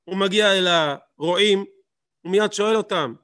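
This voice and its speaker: High-voiced man teaching a Torah lesson. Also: bright, forceful tone, no echo. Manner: emphatic, asks rhetorical questions and repeats words for stress.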